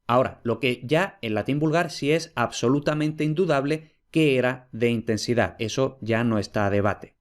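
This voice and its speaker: Patient man lecturing on slides. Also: mid-range voice. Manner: clear, patient, slows to spell out example words. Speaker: Latin philology lecturer. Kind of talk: recorded lecture over slides.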